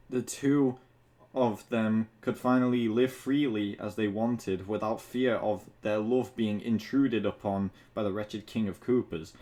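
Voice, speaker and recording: A man with a mellow, somewhat low voice reads fan fiction aloud for laughs. He sounds amused and crude, stumbles a little, and throws in asides as he goes.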